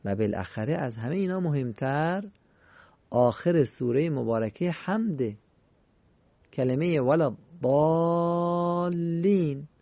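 A man teaching Quran recitation in a recorded lesson, explaining rules politely and chanting example words slowly and clearly. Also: medium pitch, lively intonation, warm tone, dry recording, lo-fi sound. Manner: polite, formal teaching phrases.

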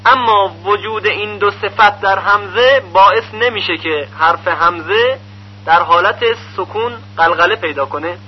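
A man's voice: sits high, slightly rough. A man teaching Quran recitation, explaining pronunciation rules patiently and methodically. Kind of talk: instructional lesson. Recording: muffled lo-fi recording with faint hum.

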